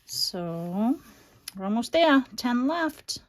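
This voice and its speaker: On the high side, with big pitch swings and drawn-out words, a Boston-accented woman from Massachusetts chats casually while crafting on her livestream, addressing viewers and herself alike. Background noise such as clicks and rubbing is noticeable.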